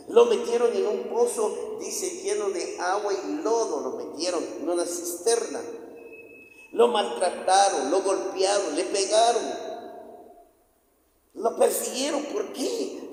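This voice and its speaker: A man preaching a sermon with emphatic swings in pitch and loudness. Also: slight background noise. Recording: very echoey hall with long reverb.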